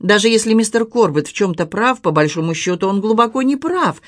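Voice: mid-range voice, expressive, fairly quick, dry recording, pitched above the performer's own voice, close to an everyday voice. A reader voicing Eleanor, a tearful, impulsive young girl, in a plaintive, raised voice in a storybook reading. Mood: upset.

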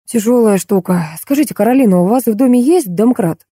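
A woman reading an audiobook voices a lively, wry young man. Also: a little high, brisk, breathy edge, dry recording, clean studio sound, voice pushed up.

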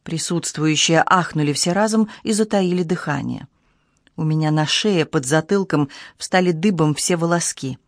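A woman reading a mystery novel aloud as an audiobook narrator, in a measured, even storytelling manner. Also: low-pitched, no echo, studio quality. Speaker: audiobook reader. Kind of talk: scripted narration.

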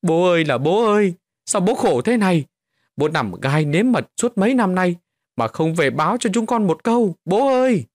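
A man voicing grieving village daughters in a storybook narration, his voice pushed high and shrill. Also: very animated, fairly quick, no echo, studio quality. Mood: wailing. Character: daughters of the dead, bickering then wailing women.

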